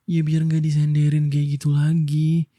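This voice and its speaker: A man from Indonesia doing a whispered boyfriend role-play, soft and coaxing as he soothes his partner. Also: on the high side, monotone, normal speed. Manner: soft, coaxing, affectionate toward listener.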